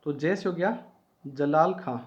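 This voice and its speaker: A man with a high, light voice teaches an exam-prep class. He drills each fact over and over and answers his own questions. The recording sounds slightly dull and lo-fi. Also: a little slow. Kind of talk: online exam-prep lesson.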